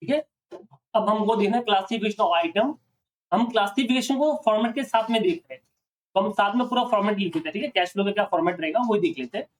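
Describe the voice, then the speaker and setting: A male accounting teacher lecturing a classroom, often pausing to ask students questions to check they follow. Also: high voice, recorded from a distance.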